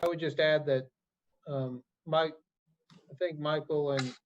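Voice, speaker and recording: A man's voice: on the high side, steady tone, unhurried, slight background noise. A man commissioner adding brief remarks at a city meeting, in an informal, plain way. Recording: dull remote audio.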